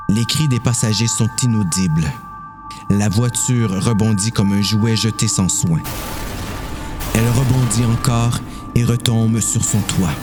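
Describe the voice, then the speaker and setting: The narrator, a man from Quebec with a low voice, performs a dramatized story from a script while music plays distinctly underneath.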